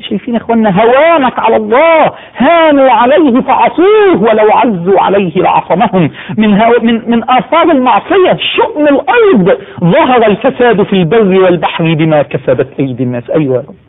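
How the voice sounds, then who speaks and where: A man preaching a sermon in Egyptian Arabic, swinging from low solemn lines to high, crying pleas to his listeners. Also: phone-quality sound. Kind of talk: impassioned televised sermon.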